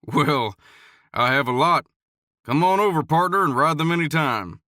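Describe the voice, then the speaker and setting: A man's voice: fairly high pitch, animated, normal speed, pushed and bright, no room sound, clean studio sound, pitched above the performer's own voice. A man doing a playful, charming cowboy. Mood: teasing.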